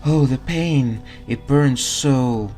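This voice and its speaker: Guy doing a lost ghost lady from a video game, wailing and melodramatic, pitched up a bit, faint music. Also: slow, mellow, natural voice. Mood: anguished wailing. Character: anguished lost female ghost, wailing and theatrical. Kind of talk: reading video game dialogue aloud.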